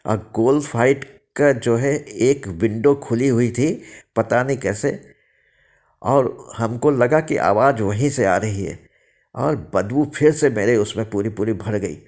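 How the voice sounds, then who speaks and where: A man's voice: medium pitch, slow pace, a little mellow. A man narrating his own ghost story in the first person, rambling, with many fillers and restarts. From India.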